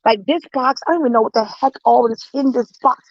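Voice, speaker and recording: High-voiced, exasperated chatty woman. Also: fast, no echo, lo-fi sound. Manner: frank, exasperated, chatty, swings pitch widely. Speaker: craft business educator. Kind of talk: casual vlog while sorting supplies.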